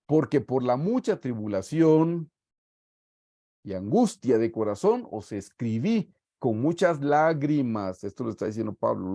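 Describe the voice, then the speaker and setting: A man with a Guatemalan Spanish accent leading a sermon-style Bible study over a video call, reading verses slowly and often calling his listeners brothers. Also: medium pitch, mellow, no echo, studio quality.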